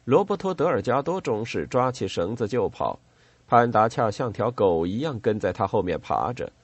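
A man narrating a novel for an audiobook. His low, husky voice moves unhurriedly but rises and falls a great deal, recorded close and dry. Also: very animated, normal speed, no room sound. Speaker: audiobook reader.

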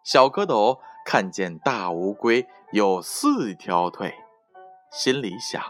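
A man reading a children's story aloud in a slow, expressive way, with faint music behind. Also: lowish voice. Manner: slow, expressive and sing-song. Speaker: narrator.

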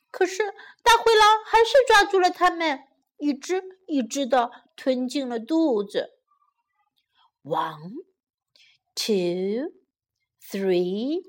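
Woman narrating a children's story slowly. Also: sits high. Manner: slow, expressive storytelling.

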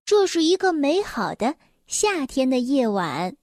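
A young woman reading a children's story aloud, gentle and expressive, speaking directly to the children. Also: sits high, measured pace, no room sound, studio quality.

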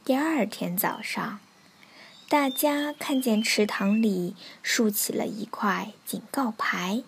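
A woman telling a children's bedtime story in a soft, whispery narrating voice. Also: medium pitch, takes it slowly, vocal fry, slight background noise.

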